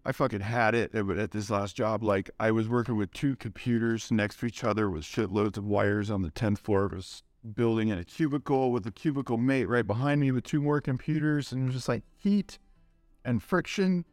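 A man's voice: lowish voice, normal speed, dry recording. A middle-aged man telling stories casually in an interview, with a laid-back stoner way of talking, full of slang and swearing. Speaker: interview guest recounting a cannabis industry career. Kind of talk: casual anecdotal interview storytelling.

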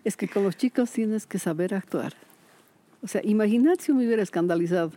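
A woman, a retired teacher chatting in an interview and telling lively stories. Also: medium pitch, fairly quick. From Bolivia. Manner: lively storyteller, acts out quoted voices, laughs often. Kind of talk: casual interview chat.

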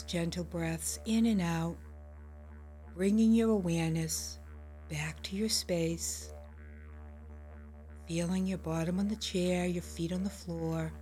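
A woman guides a meditation very slowly and gently. Her voice sits a little low and soothing, and she leaves space between phrases. Soft music plays behind her. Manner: gentle, slow, soothing, unhurried delivery.

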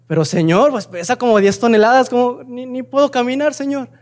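A man's voice: very high-pitched, fairly even intonation, fairly quick, darkish tone. A man voicing a frail young man who pleads with God in a sermon story, stammering earnestly. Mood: pleading.

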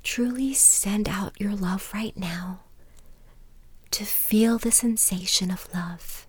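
A woman whispering a soothing guided meditation and a bedtime story in a slow, calm way. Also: medium pitch, slightly rough, no room sound.

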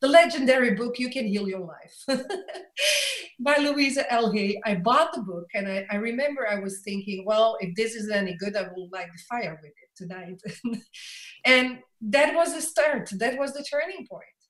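A Belgian woman whose first language is Dutch, an author and coach, tells her story in a reflective, conversational interview and laughs often. Her voice is fairly high and fairly bright, animated, at a normal speed, in an echoey room.

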